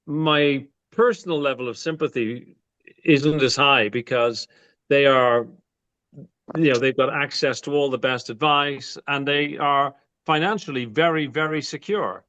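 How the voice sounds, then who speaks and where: A man's voice: medium pitch, fairly bright tone, highs cut off. Opinionated man from Canada on a call. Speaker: guest boxing commentator. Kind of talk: casual panel chat.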